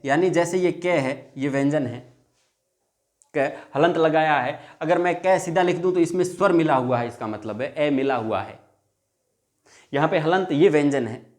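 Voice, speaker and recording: Guy teaching a lesson, a bit higher voice, keeps repeating stuff and stretching out sounds. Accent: Hindi. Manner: repeats and drags out example sounds; addresses viewers as friends. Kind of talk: classroom lesson.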